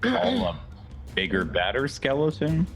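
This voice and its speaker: Very animated male gamer. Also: a little high, unhurried, creaky. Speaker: tabletop game player. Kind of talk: casual game banter. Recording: music behind the voice.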